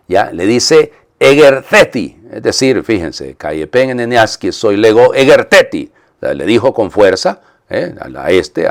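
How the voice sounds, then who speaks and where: A man's voice: sits low, a little mellow. A man preaching a weekday homily as a priest, explaining in a conversational way, with many fillers and tag questions.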